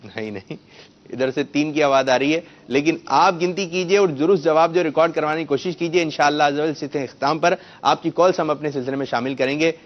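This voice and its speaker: A man hosting a children's quiz show, coaxing the kids and correcting their pronunciation. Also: fairly high pitch. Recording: muffled lo-fi broadcast sound.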